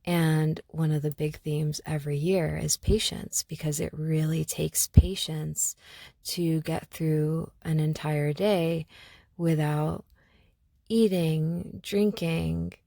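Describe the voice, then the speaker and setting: A woman from Algeria hosting her own podcast, speaking thoughtfully with many pauses and restarts as she reflects. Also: sits low, little pitch movement, creaky, dark tone, dry recording, studio quality. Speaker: podcast host. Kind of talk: reflective solo podcast talk.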